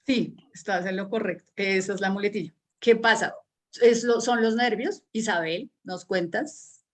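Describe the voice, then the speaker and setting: A woman's voice: mid-range voice, moderate pace. Colombian woman teaching an online workshop. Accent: Colombian Spanish. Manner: conversational, encouraging, many fillers. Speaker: public speaking workshop instructor. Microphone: video call.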